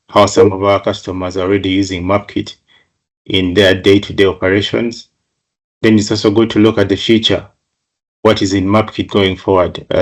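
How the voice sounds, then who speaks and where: A middle-aged man from Uganda giving a webinar presentation over a video call, measured, often repeating words as he goes. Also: fairly low pitch. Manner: measured, flat delivery with frequent repeated words.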